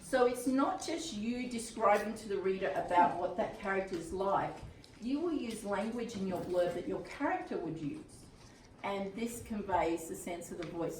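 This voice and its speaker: A woman's voice: medium pitch, slight background noise. An Australian woman presenting a writing workshop in a chatty way, laughing at her own asides. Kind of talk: live workshop talk. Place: workshop room at a retreat. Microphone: distant room mic. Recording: echoey room, voice from far off.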